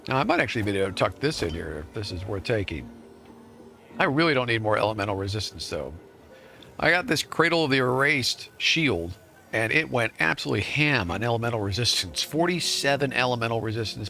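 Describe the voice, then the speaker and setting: A man's voice: mid-range voice, lively intonation, a little fast, creaky, pushed and bright. A man streaming a game live, reading patch notes aloud and chatting to viewers in a playful, jokingly boastful way. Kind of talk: live gameplay commentary and patch-note reading.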